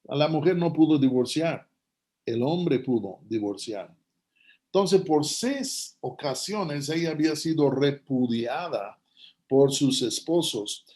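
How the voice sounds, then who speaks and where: A man's voice: mid-range voice, mellow. A man preaching a sermon, retelling Bible stories and acting out their dialogue in a storytelling manner.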